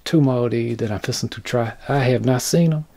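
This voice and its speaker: A man's voice: mid-range voice, fairly quick, warm tone. A man hosting a casual workshop vlog, rambling in a folksy, joking way to his viewers. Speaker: craft channel host. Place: indoor workshop.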